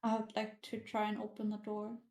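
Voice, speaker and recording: A woman's voice: mid-range voice, completely flat delivery, a little mellow. Chatty woman player, roomy echo. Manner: chatty, giggly, quick to joke. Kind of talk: casual tabletop game chat.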